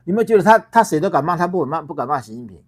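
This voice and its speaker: A middle-aged man from Taiwan hosts his own political livestream in a heated monologue. His fairly high voice swings up and down sharply as he fires off rhetorical questions, stumbles over repeated words and curses freely. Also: animated, very fast. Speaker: political party founder and livestream host.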